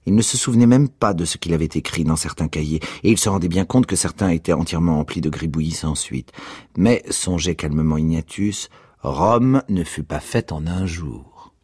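Husky man reading a novel aloud. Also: deep voice, no echo, studio quality. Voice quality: expressive, ironic storytelling. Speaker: reader. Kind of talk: theatrical literary reading.

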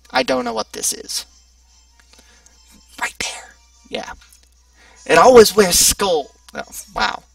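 A young man plays a video game as a let's play gamer, giving casual gameplay commentary full of sarcastic jokes and chatty asides. His high voice has vocal fry and a fairly bright tone, recorded far from the mic with no echo.

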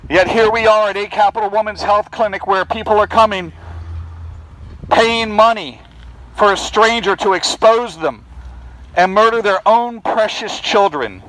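Outside a building, near a fence and bushes, a man preaches in the open air, projecting and pleading insistently with people walking past. He's a street preacher with a high, somewhat bright voice and a measured pace, and the audio is poor.

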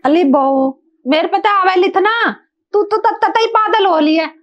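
A woman performs a nagging old mother-in-law for a comic skit, making her cranky and insistent with a thick, childlike lisp. Her very high, shrill voice moves at a measured pace, heard through dull, muffled audio.

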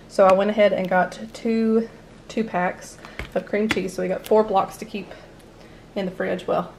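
Sitting in her home's dining room, a woman who vlogs about her family goes through a grocery haul, laughing a lot and wandering off topic. She has a medium-pitched voice, with slight background noise in the clip.

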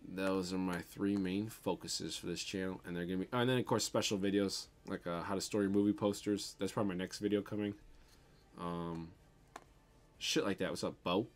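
There's a little hiss or hum behind this young adult's low voice, which moves fairly quickly with fairly even intonation. He's a Midwestern toy unboxing streamer chatting from his bedroom, fielding viewer comments with a Midwestern accent, frequent ums, and casual cursing.

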